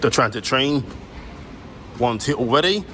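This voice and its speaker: A man's voice: mid-range voice, expressive, a little slow. A man giving casual travel vlog commentary while on the move. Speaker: travel vlogger. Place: on the move in plane and airport. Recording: clear background travel and engine noise.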